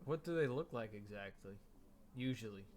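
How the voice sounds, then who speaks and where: A man's voice: lowish voice, lively intonation, moderate pace, darkish tone. A man hosting an interview, asking short questions and giving brief reactions. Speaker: host interviewer. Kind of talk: casual interview.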